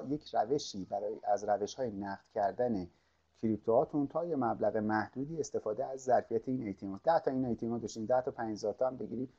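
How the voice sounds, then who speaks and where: A man teaching an online course, talking through a screen-share tutorial with many pauses and restarts as he clicks through a website. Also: mid-range voice, warm tone, highs cut off. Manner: hesitant, many fillers and restarts, thinking aloud while clicking.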